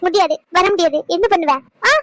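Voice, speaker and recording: Woman doing a crying young student, very high voice, rapid scolding, dry close sound. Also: no echo. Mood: angry. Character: tearful young woman student, fiercely devoted. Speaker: voice actor. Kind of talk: cartoon dub acting.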